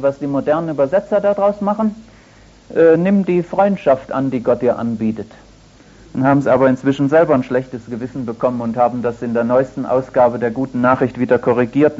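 An older man delivers a sermon with an easy, storytelling manner and a dry touch of humor. His voice sits in an ordinary middle register. The sound is dull and lo-fi, like an old radio broadcast. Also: medium pitch. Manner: conversational, anecdotal preaching with gentle humor. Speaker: preacher.

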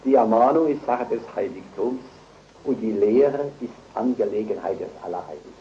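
An older man preaching a sermon emphatically, swinging between loud stresses and low asides. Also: moderate pace, a little hiss or hum. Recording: dull lo-fi recording.

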